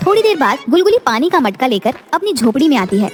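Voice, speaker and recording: High-voiced woman narrating a cartoon story. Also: fast, faint music behind. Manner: steady, plain storytelling.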